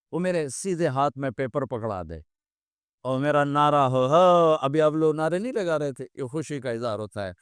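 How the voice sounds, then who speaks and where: Older male preacher, storytelling sermon style, resonant and clear, dry close-miked sound. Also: medium pitch, dry recording. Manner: storytelling with acted quotes and recited Persian verse. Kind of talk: religious sermon.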